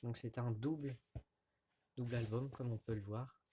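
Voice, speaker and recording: A man casually showing vinyl records to his camera, talking in a halting way with many fillers and restarts, recorded indoors at home. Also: medium pitch, steady tone, dark tone, a little hiss or hum. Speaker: record collector vlogger. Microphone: camera mic at close range.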